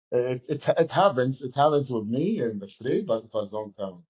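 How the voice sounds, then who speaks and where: A man in his forties from Egypt, a fighter and coach, answering interview questions in halting English with many restarts, speaking from a gym locker room. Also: medium pitch, expressive, a little mellow, breathy edge, muffled recording. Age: 40s.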